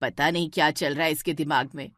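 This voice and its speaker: A woman voicing a stern, scolding middle-aged mother-in-law in a cartoon story, firing sharp questions at her daughter-in-law. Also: deep voice, fairly even intonation, a little fast, no echo, studio quality.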